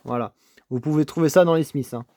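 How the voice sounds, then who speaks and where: A man's voice: a little high, fast talker, warm tone, a little hiss or hum. A man talking casually as he shows off his toy car finds, full of repeated enthusiastic praise, stammering and restarting as he goes, at his home desk setup. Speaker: toy car collector vlogger. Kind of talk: casual unboxing commentary.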